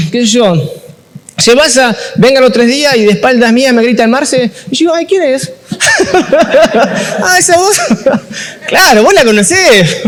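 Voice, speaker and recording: A man's voice: very high-pitched, in a large hall. A man with an Argentine accent giving a chatty, jokey informal sermon at a workshop, often asking the audience questions. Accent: Rioplatense Spanish. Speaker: youth ministry speaker.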